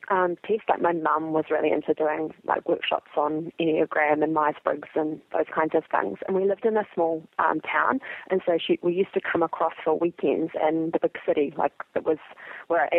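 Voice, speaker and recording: A woman's voice: low voice, no echo. New Zealand woman on a tinny phone line. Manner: chatty, with frequent ums and likes. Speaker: podcast guest, psychologist. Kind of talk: casual interview answers. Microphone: phone or call line.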